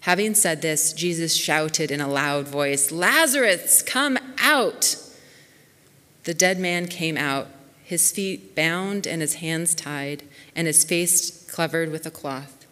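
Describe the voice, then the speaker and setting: A woman reading scripture aloud during a church service, measured and expressive. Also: sits low. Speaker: scripture reader. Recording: long reverb of a large church hall.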